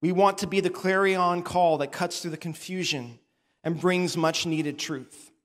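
A male pastor delivers a sermon with a fairly high voice, his preaching climbing in passion and emphasis. His words ring out with a long reverb in a church sanctuary. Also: steady tone, measured pace, fairly bright tone. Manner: impassioned preaching, rising and building in emphasis.

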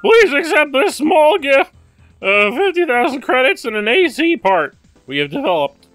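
A man's voice: extremely high pitch, sing-song, moderate pace, a bit bright, no room sound, faint music behind, voice pushed up, heavily acted. A man putting on a stiff formal company spokesman. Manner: stiff, courteous, put-on formal voice. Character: formal corporate male representative reading a letter.

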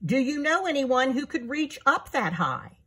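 A woman voicing a calm, patient male owl who asks gentle questions in a children's storybook. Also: high-pitched, measured pace, husky, pitched above the performer's own voice, exaggerated voice.

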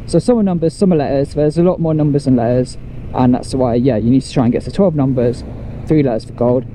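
A man's voice: medium pitch, fast talker, warm tone, low-quality recording. A man chatting casually to camera as a motorcycle vlogger, explaining things step by step as he rides. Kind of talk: casual chat to camera while riding. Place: outdoors on a motorcycle by the road. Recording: faint road and traffic noise.

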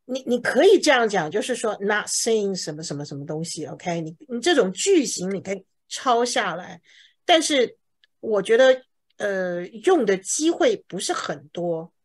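A woman teaching an English class in Chinese, patiently explaining words and reading example sentences slowly. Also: mid-range voice, big pitch swings.

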